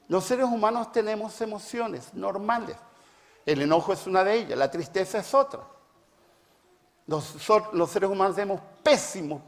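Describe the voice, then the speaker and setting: Middle-aged guy giving a sermon, high voice, hammers home points by repeating them, long hall echo. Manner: emphatic, repeats phrases for stress. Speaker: preacher and family therapist. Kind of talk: reflective talk with personal anecdotes. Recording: long reverb, large hall sound.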